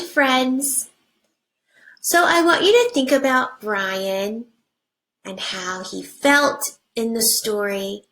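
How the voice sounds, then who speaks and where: A first grade teacher reads a picture book aloud to young children, using simple, deliberate phrasing and slipping in hushed asides. Her medium-pitched voice has some vocal fry, and the recording is rough.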